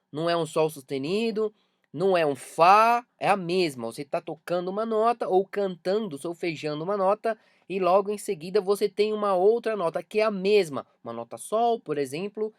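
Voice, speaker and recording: A man's voice: sits high, no room sound, clean studio sound. A man with a Brazilian Portuguese accent gives an online music lesson, talking emphatically and repeating key points to drive them home. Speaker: music teacher.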